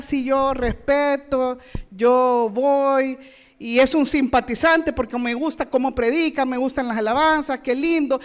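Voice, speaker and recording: A woman pastor, preaching a sermon with rhetorical questions and playful asides. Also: a little high.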